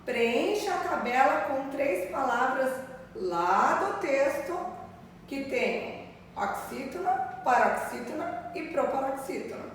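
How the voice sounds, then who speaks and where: A high-voiced woman teaching a recorded lesson at an unhurried pace, patiently repeating words and checking that her pupils follow. She stands away from the microphone in a very echoey room with a long, ringing reverb. A faint noise hums underneath. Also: lively intonation, far from the mic. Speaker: primary school teacher. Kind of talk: recorded remote grammar lesson.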